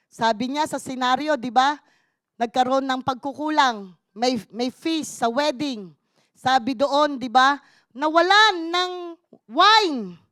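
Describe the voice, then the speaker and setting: Filipino woman, sermon, high voice, dry close sound, emphatic bursts. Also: a bit bright, no room sound. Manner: switches between Tagalog and English, rising to emphatic bursts. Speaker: preacher.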